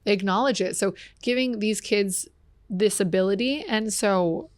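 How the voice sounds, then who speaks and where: A woman who owns a fitness gym, a guest on a podcast, talking in an energetic, wordy, casual way with plenty of fillers. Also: medium pitch, no echo, studio quality. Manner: energetic, wordy, fast storytelling with lots of fillers. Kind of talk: casual conversational interview.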